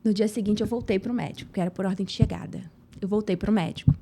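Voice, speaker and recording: A woman's voice: mid-range voice, steady tone, quick pace, dark tone, slight background noise. A woman, a podcast guest telling a personal story earnestly and acting out the dialogue. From São Gonçalo, Rio de Janeiro state, Brazil. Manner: acts out dialogue, earnest and emotional.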